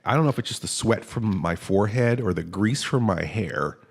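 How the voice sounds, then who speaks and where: A man's voice: lowish voice, animated, normal speed, gravelly, slightly rough. A man hosting a comedy podcast, chatting casually and rambling, often stammering and restarting his sentences. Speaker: podcast host.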